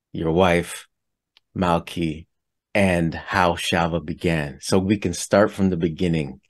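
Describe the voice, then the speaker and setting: A man hosting a podcast interview, introducing his guest and asking questions in an earnest, friendly way. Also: deep voice. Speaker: podcast host. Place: home studio. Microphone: headset with studio mic.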